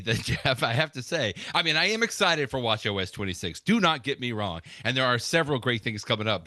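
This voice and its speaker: Male co-host, lively and bright, swoops in pitch, dry close mic. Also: no room sound. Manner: animated storyteller, laughs often, big pitch swings. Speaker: podcast co-host. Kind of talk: casual tech chat.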